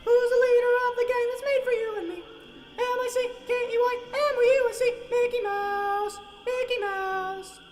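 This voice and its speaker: A man voicing a mad, brooding cartoon mouse warlord in a squeaky falsetto, as a solemn monologue in a radio drama parody. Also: fairly even intonation, normal speed, loud music behind the voice. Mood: eerie singsong. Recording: long echoing reverb.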